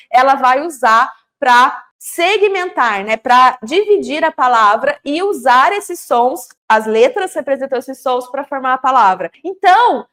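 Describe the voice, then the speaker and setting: A woman with a bright, high-pitched voice gives an explanatory lesson on early literacy. She talks straight to her viewers, often checking in with them. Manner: explanatory, addresses viewers directly, acts out teacher-child dialogue. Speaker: literacy educator. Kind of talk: teaching video for teachers and parents.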